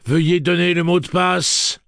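A man voicing an enraged, blinded male messenger robot, shrieking in a very high, slow, drawn-out voice. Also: steady tone, creaky, fairly bright tone, no room sound, studio quality, exaggerated voice. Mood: cold, gloating.

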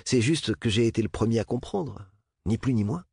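A man voicing a quiet, wry, clever young boy in an audiobook reading. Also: mid-range voice, lively intonation, normal speed, creaky, husky, no room sound, clean studio sound, pitched above the performer's own voice.

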